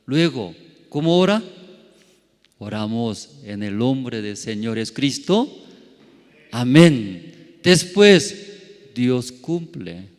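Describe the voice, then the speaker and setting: A man preaching a Sunday sermon at a very unhurried pace. His plainly worded, learner-like phrasing swells into loud, emphatic lines and then falls back to near quiet. Long reverb from a church hall trails every phrase. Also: mid-range voice, big pitch swings. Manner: simple, non-native Spanish grammar. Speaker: pastor. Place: church service.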